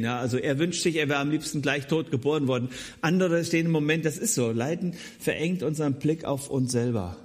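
A man teaching on a Bible passage in a conversational style, speaking straight to his listeners with wry asides, his voice rising for emphasis and dropping low and quiet at times. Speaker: preacher.

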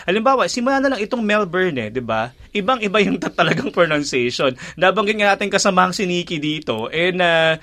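A man's voice: high-pitched, lively intonation, a little fast, bright, forceful tone. A man hosting a casual radio chat, talkative and laughing often, trailing off with fillers. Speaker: radio host.

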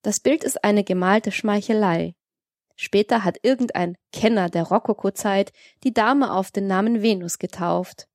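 A woman's voice: mid-range voice, a little slow, darkish tone, no echo, clean studio sound, close to an everyday voice. A woman reading the part of a domineering, worldly man who lectures with ironic liveliness in an audiobook. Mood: mocking lecture. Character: domineering worldly man, mocking, tyrannical toward women.

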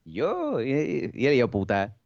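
A man's voice: mid-range voice, a little slow, no echo, highs cut off. A man from Cádiz with an Andalusian accent, co-hosting a casual podcast chat and acting out dialogue in his stories. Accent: Andalusian Spanish. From Cádiz, Spain. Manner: animated storyteller, acts out dialogue. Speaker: podcast co-host.

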